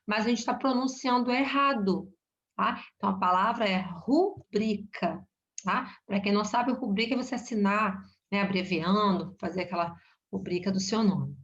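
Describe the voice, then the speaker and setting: A woman with a Brazilian Portuguese accent walks through a grammar lesson, explaining each point carefully. She keeps checking in with her listeners through little tag questions. Her voice sits at a medium pitch, heard through a somewhat muffled, lo-fi recording. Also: normal speed, fairly bright tone. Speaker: teacher. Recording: dull lo-fi recording.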